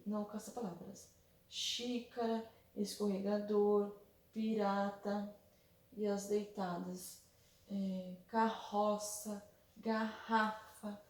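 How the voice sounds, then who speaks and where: A Brazilian woman teacher explaining a workbook to young children, patiently repeating and slowly spelling out examples. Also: mid-range voice, darkish tone, recorded from a distance. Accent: Brazilian Portuguese. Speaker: primary school teacher. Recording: echoey room, voice set back from mic.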